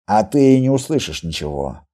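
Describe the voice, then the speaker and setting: A man voicing a coarse, jeering male healer in an audiobook, loud and hostile in his delivery. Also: lowish voice, big pitch swings, brisk. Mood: mocking.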